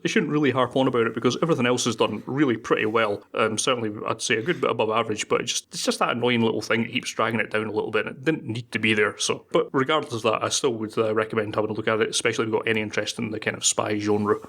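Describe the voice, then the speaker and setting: A man's voice: mid-range voice, fairly even intonation, racing, few pauses, fairly bright tone. Dry-witted Scottish man reviewing films. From Scotland. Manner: dry, wry humour. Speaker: podcast co-host. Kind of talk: casual film review chat.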